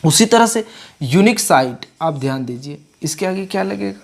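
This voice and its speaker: A woman's voice: lowish voice, lively intonation, a little mellow. A woman teaching English grammar in a classroom-style lecture. She spells out letters and asks questions that she then answers herself. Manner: slow and deliberate, spells letters aloud, asks and answers her own questions.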